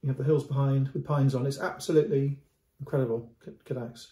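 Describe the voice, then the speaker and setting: An antiques dealer, a middle-aged man with a mellow, relaxed, mid-range voice, talks quickly through a painting for the camera without a script. He often repeats words and restarts. He's filmed up close indoors, and the room lends his voice a noticeable echo.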